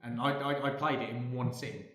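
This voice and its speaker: A man co-hosting a casual gaming podcast, chatty and quick to laugh as he steers the talk. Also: mid-range voice, steady tone, fairly bright tone. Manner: chatty, laughs easily, leads the segments. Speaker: podcast co-host. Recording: echoey room.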